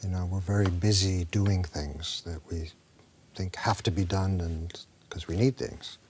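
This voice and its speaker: A man's voice: deep voice, unhurried, darkish tone, a little hiss or hum. A man, an actor, talking reflectively in an interview and telling a story with acted-out dialogue, sometimes dropping to a whisper.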